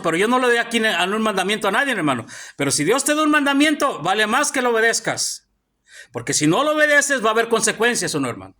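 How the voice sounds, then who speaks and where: In a church hall, a male pastor with a high, pushed, bright voice preaches a sermon to his congregation. His address keeps returning to "hermano" as he calls out to his brothers.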